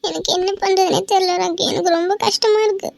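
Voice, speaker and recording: A woman's voice: very high voice, fairly even intonation, fast talker, gravelly, dry recording. A woman voicing a jealous, tearful young wife. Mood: tearful, hurt. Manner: tearful and pleading, then sharp and possessive. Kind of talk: amateur cartoon voice acting.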